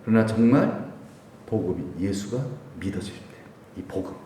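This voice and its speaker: A man preaches a Sunday sermon, telling a personal story in a lively way and laughing between phrases. His voice is warm and mellow. He is heard from a distance, with long church reverb and faint ambient noise behind him. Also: lowish voice, normal speed. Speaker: pastor. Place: church sanctuary. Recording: echoey hall, voice from a distance.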